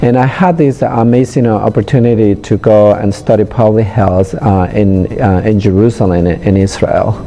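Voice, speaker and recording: A middle-aged man from Honduras, answering interview questions in a hesitant way with many pauses. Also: fairly low pitch, fairly even intonation, mellow. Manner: hesitant, frequent pauses and fillers. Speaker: interviewee, public health professional.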